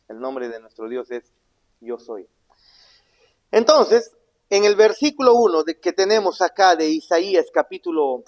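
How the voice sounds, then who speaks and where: A man preaches to his congregation in a voice set a little high for a man. He builds to loud, emphatic questions, then drops to hushed, low asides, and often answers his own questions. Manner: asks the congregation questions and answers them himself. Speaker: pastor. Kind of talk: sermon Bible teaching.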